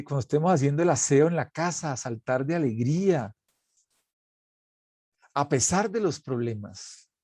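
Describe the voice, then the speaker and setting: A male priest delivers a sermon at an unhurried pace, and his voice sits a little high for a man. He tells anecdotes and acts out the conversations in them. The recording is dry and close, with no room sound. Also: a little mellow, no room sound. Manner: anecdotal, acts out quoted exchanges. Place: parish recording.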